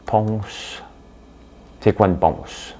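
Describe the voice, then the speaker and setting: A man with a Quebec French accent, hosting a casual morning talk to camera, rambling and animated as he tells stories. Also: on the low side, drawn-out words. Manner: chatty, rambling, animated storytelling. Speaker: host. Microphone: studio camera setup.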